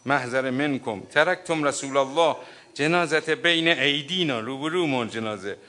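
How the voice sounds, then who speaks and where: A man preaching a sermon as a cleric, emotional and swinging between loud and hushed, reading Arabic passages aloud and explaining them. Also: medium pitch. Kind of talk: sermon reading from a history book.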